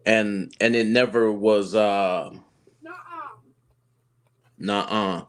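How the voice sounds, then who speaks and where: A man co-hosting a casual relationship talk, reflective and halting as he works through his thoughts. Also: lowish voice, fairly even intonation. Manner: reflective, halting with fillers and restarts. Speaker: co-host of a relationship channel.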